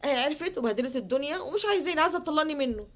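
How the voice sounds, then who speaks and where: A woman's voice: sits high, expressive, fairly bright tone. A woman with an Egyptian accent telling a personal story casually, acting out the quoted back-and-forth between people. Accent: Egyptian Arabic. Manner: acts out quoted dialogue in quick back-and-forth.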